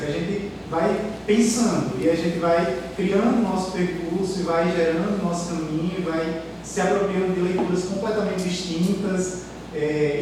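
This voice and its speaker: A Brazilian man moderates a university panel in a notably high voice. He reflects informally, often ending on tag questions. He is heard from a distance in a large, long-reverb amphitheater with audible noise. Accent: Brazilian Portuguese. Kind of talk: academic panel discussion. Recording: echoey hall, distant mic, noise.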